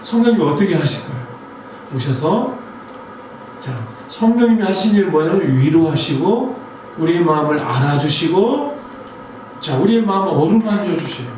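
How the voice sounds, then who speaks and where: A male pastor gives a Sunday sermon in a church sanctuary, telling a personal story conversationally and asking the congregation questions. His voice is on the high side with a darkish tone, lively intonation, and normal speed. The hall is very echoey, the mic distant, with faint noise.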